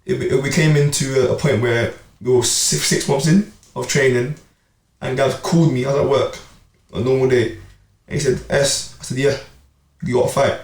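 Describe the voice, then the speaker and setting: A man's voice: medium pitch, moderate pace. A young man telling his boxing story in a casual podcast chat, full of slang and repeats. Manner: animated storytelling with street slang. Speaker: amateur boxer and club player. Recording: roomy, distant mic, faint noise.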